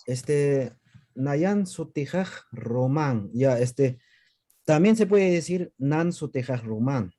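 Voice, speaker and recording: Slow, mellow man student asking. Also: mid-range voice, animated. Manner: hesitant, repeats "este". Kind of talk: online class question.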